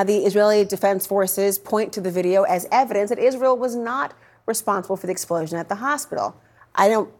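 A woman's voice: mid-range voice, darkish tone. A woman anchors the evening news and speaks straight to the viewer. She leans hard on key words to make her points. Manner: emphatic, direct to camera. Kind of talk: scripted news presenting.

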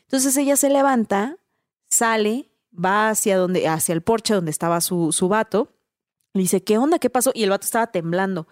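A woman with a Mexican accent, telling a story in a casual, animated way, full of slang and tag questions. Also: mid-range voice, normal speed, no echo, clean studio sound. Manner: animated, slangy, tags lines with "¿no?" and "güey".

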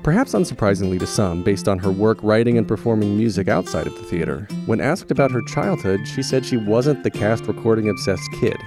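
A man's voice: on the low side, lively intonation, brisk, few pauses. A man reading scripted linking narration over plucked guitar music.

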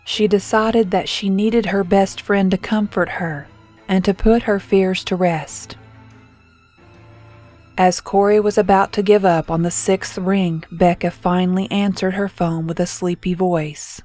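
A woman reading a scripted horror story in a slow, measured way, drawing out the suspense. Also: medium pitch, steady tone, darkish tone, soft background music. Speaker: narrator.

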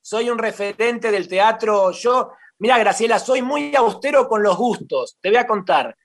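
Argentine man, guest theater columnist, high voice, gushing and repetitive, stumbling restarts. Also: expressive, unhurried. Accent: Rioplatense Spanish. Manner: effusive, repeats himself, many restarts. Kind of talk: casual interview chat.

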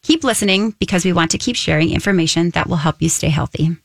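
A woman co-hosts a nutrition radio talk show, her voice sitting a little low. She speaks in a chatty way and often chimes in to agree. The recording is dry and close. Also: quick pace, gravelly, no echo.

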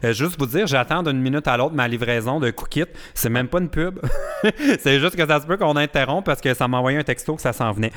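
Laughing Quebec podcast host. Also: male voice, medium pitch, fairly quick. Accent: Quebec French. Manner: lively, laughs often, jumps into playful imitations. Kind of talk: casual podcast chat.

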